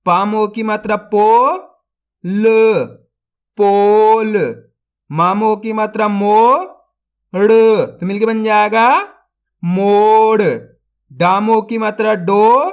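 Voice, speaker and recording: A man teaching Hindi reading, sounding out syllables slowly and saying each joined word louder, then explaining more quickly to his viewers. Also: high-pitched, flat delivery, smooth. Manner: slow drawn-out syllables, louder when joining a word; speaks quicker and softer when explaining. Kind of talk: online reading lesson.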